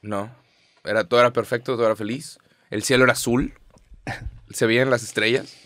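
A young man with a Mexican accent, co-hosting a podcast in a casual, slangy, animated way. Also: mid-range voice, a little fast, no echo. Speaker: podcast co-host. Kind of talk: casual chat.

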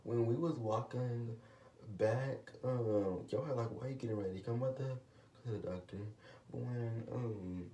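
A teenage boy's casual, rambling vlog is filmed indoors in a small room at home, with the camera set below his face. His stutter produces restarts and lots of fillers. The male voice is medium-pitched, a little slow and dark, heard distantly off-mic with roomy echo and slight hiss or hum.

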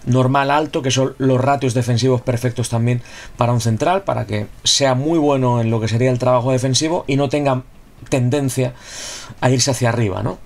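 Gravelly man chatting through a game review. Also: mid-range voice, steady tone, a little fast. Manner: chatty, repeats points, asks rhetorical questions. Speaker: gaming YouTuber reviewing a player card. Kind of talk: casual video review commentary.

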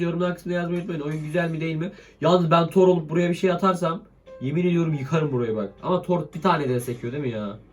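A young man with a sick, strained voice, giving casual commentary over a mobile game and swearing playfully at it. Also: sits high.

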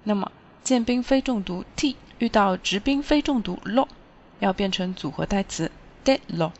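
Woman, language teacher, clear step-by-step explaining, mid pitch, dull lo-fi recording. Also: lively intonation, normal speed, slight background noise.

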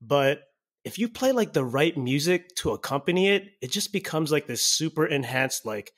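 A man's voice: fairly high pitch, sing-song, moderate pace, fairly bright tone. Upbeat man hosting a podcast. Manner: upbeat, heavy use of "like". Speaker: podcast host. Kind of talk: casual podcast interview. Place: home room. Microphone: headset with mic.

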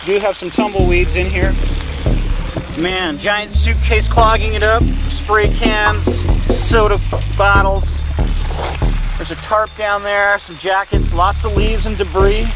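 Walking beside a storm drain channel, an urban explorer vlogger narrates casually and exclaims in disgust as she points things out. Her mid-range voice is slow with fairly even intonation, and loud music plays over it in poor audio.

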